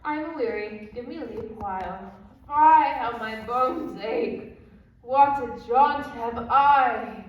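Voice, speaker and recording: A teenage girl plays a fussy old nurse who drags out her complaints and teases, her high voice carried from a distant stage into a big echoing hall that rings long after each line. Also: sing-song, dull audio, slight background noise. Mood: grumbling. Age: teens. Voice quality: teasing, drawn-out complaining delivery. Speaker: student actor. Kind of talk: school stage play. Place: school auditorium stage. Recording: echoey hall, distant mic.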